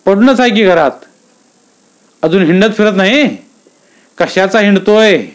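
A man's voice: high voice, expressive, unhurried, voice pushed up. A man voicing a distraught young village man who has lost his mind, talking in rustic dialect and wailing over a lost bullock. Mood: rambling. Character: distraught young village man, potter's son, gone mad.

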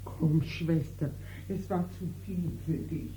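An actress playing a caring sister who comforts her fragile sister and recounts what happened, with a soft, earnest delivery in a classic radio drama. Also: sits low, slow, a little hiss or hum. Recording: roomy radio play studio, faint background.

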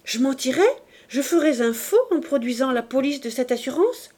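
A woman reading the part of an honest, easily upset middle-aged bourgeois father who reproaches his relatives loudly. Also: very high voice, expressive, normal speed, pitched above the performer's own voice. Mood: indignant.

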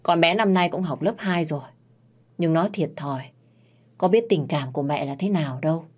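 A woman storyteller narrating a family drama in a measured, sorrowful way. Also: sits low, husky. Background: faint background music.

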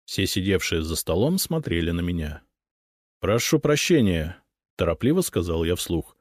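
A man narrating a fantasy audiobook in the first person, with expressive, lively storytelling. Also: deep voice, fairly quick, no room sound. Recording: dry close studio recording.

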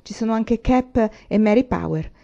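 A woman voicing a quiet, reserved young farmer who speaks tersely. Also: fairly high pitch, normal speed, creaky, voice pushed up. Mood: inviting. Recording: muffled lo-fi recording.

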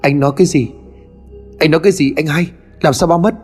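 A man's voice: fairly high pitch, fast, soft background music, voice pushed up, natural voice. A man voicing a shocked young man hearing his father died. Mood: frantic. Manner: frantic, disbelieving.

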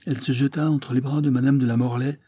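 A man reading a classic novel aloud as an audiobook narrator, in a measured, dramatic way. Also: mid-range voice, level tone, warm tone, husky.

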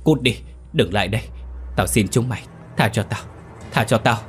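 A man voicing a terrified young village man who pleads in a rapid panic. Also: on the low side, soft background music, close to an everyday voice. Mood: terrified begging.

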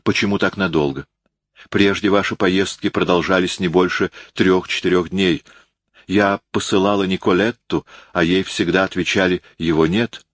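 A man's voice: low voice, fairly even intonation, moderate pace, no room sound. Reader as a teasing young woman: lightly raised voice, playful scolding, close and dry. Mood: chiding. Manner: chiding, playful. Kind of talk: audiobook character reading.

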